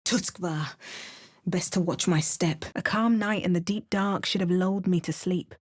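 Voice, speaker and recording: With a fairly low pitch and a measured pace, a woman performs game voice lines as a confident young adventurer who serves as the player character, slipping in dry, wry asides.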